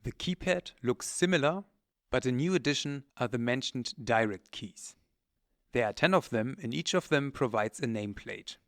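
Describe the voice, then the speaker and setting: In a clean studio recording with no echo, a man narrates a scripted instructional presentation on technical products. His mid-range voice moves at a moderate pace, methodical and matter-of-fact.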